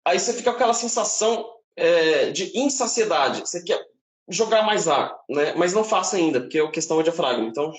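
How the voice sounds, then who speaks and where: A man with a Brazilian Portuguese accent giving a casual live-stream singing lesson from home, explaining in a relaxed way with frequent tag questions. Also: a little high, a little fast, echoey room. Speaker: singing teacher. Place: home, indoors.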